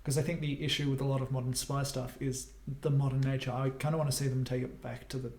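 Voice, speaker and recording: Mellow young man, measured opinions. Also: mid-range voice, little pitch movement. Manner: measured, thinks out loud, offers personal opinions. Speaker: podcast co-host. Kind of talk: casual film chat. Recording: roomy echo.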